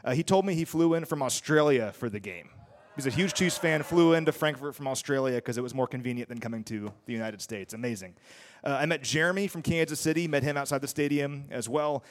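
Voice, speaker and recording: A young man co-hosting a casual sports radio chat, upbeat and quick to laugh while recapping. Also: medium pitch, a little hiss or hum. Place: studio with live audience.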